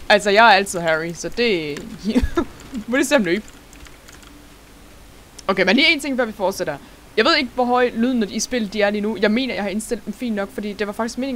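A young adult host giving let's-play commentary over a game, excitable, laughing often and dropping English words into the talk. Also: mid-range voice, a little hiss or hum. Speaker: gaming channel host.

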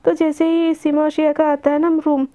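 A woman's voice: sits high, flat delivery, fairly quick, dark tone. A woman narrating a story in a chatty, casual way with many fillers. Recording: dull lo-fi recording.

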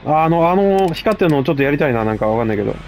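A man with a gravelly voice, chatting casually and mocking himself as he comments on his own game play. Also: a little high, expressive, very fast, darkish tone. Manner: chatty, self-mocking, frequent laughs. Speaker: gameplay commentator.

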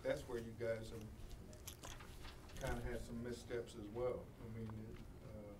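Off-mic reporter in a noisy room. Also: male voice, mid-range voice, flat delivery, measured pace, far from the mic. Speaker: sports reporter. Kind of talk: press conference questions.

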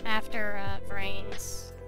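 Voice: medium pitch, completely flat delivery, very slow. Voice-changed streamer over music. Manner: chatty, rambling, with filler words. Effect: voice changer on the mic. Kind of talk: casual stream chat reading viewer messages.

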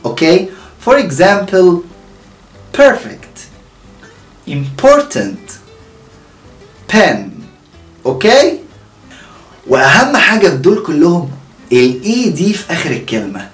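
A man with an Egyptian Arabic accent teaching English pronunciation, repeating words slowly and checking in with his students. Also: sits high, very animated, a bit bright, roomy sound, faint music behind. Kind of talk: online lesson, modelling word pronunciation.

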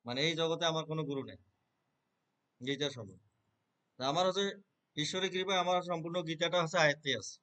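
An earnest man answers questions in a relaxed conversational way. His voice sits a little high for a man. He leans on filler words and keeps checking that the listener is following. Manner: earnest, repeats filler words, chants verses rapidly in recitation. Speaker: Gita reciter.

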